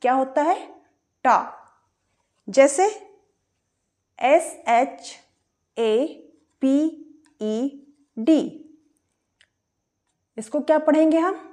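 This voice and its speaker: A woman's voice: high voice, drawn-out words, long pauses, darkish tone. A woman teaching English pronunciation, spelling words out letter by letter and asking and answering her own questions. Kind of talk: explaining pronunciation rules.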